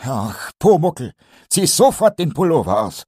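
A man's voice: a little high, big pitch swings, unhurried, a little mellow, slightly rough, no echo, clean studio sound, pitched above the performer's own voice, full character voice. A man voicing an exasperated, patient older master carpenter in a storybook reading, who pleads and scolds.

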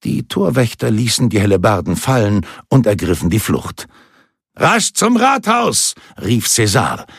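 A man narrating a historical novel as an audiobook in an expressive storytelling manner. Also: low-pitched, gravelly, slightly rough, no echo, clean studio sound.

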